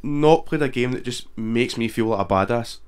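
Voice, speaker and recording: A man, a co-host chatting casually about video games, relaxed and quick to laugh. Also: medium pitch, smooth.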